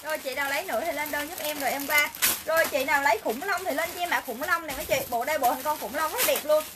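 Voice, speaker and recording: A woman hosting a live stream sale, briskly and repetitively calling for orders. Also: sits high, noisy background. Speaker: livestream seller. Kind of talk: fast sales pitch on a live stream.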